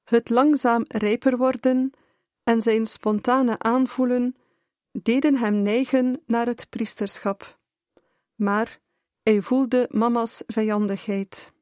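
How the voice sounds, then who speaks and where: Woman reading a book aloud, slow pace, fairly high voice, dry close sound. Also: fairly even intonation, a little mellow, no echo. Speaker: reader.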